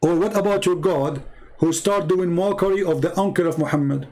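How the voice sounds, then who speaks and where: Here a debate host on a live stream reads out what viewers wrote and answers them with mockery and aggression, in English that isn't his first language. He has a high, darkish voice and speaks a little fast.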